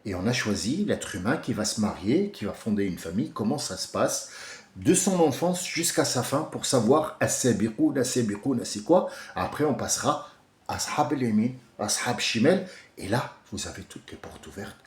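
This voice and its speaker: A man of medium pitch giving a religious talk, heated and wandering off topic, sometimes quiet and thoughtful, sometimes shouting. His voice rings in an echoing room. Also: animated, normal speed. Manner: passionate, digressive, swings from soft musing to loud ranting. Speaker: religious speaker. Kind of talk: informal religious commentary.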